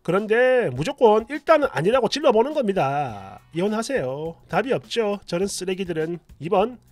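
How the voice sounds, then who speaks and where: A man dramatically reading an online post aloud as a storyteller, expressive and sarcastic with muttered asides. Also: high voice, moderate pace, no echo, soft background music.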